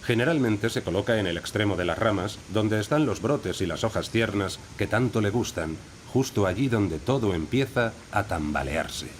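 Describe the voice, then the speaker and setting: A man's voice: fairly low pitch, animated, normal speed. A man reading scripted narration as the narrator of a nature documentary. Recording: insect and wildlife noise behind voice. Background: rainforest ambience with crickets and insects.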